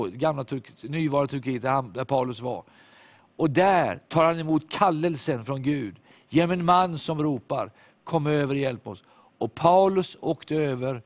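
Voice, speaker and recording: A man's voice: medium pitch, darkish tone, dry recording. A man preaching a sermon in an emphatic voice that rises and falls. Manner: emphatic, rising and falling preaching voice.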